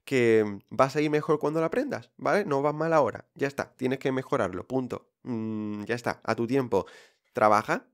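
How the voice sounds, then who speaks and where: A man with a Spain Spanish accent talks straight to his listeners in a casual podcast monologue. His voice sits at an ordinary middle pitch, and his delivery is direct and reassuring, with frequent fillers. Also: normal speed. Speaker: podcast host.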